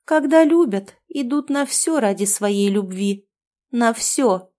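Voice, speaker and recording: A woman's voice: medium pitch, steady tone, moderate pace, mellow, lightly acted. Tearful young ghost girl, as a woman puts her on. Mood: bitter reproach. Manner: sobbing, reproachful.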